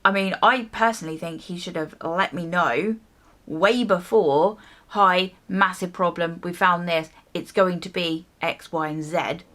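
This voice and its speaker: At a measured pace, her fairly low, slightly bright voice tells an exasperated, sweary story as she gets ready. This British woman vlogger keeps it casual and chatty, acting out both sides of the conversations.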